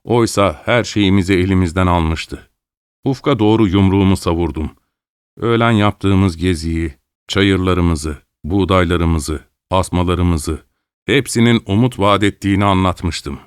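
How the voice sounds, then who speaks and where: A man narrates a literary story in a low, resonant, clean voice, measured and dramatic, raising it when he quotes other people. He is recorded on a close studio mic with a dry sound and no room echo. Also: smooth. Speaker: audiobook narrator.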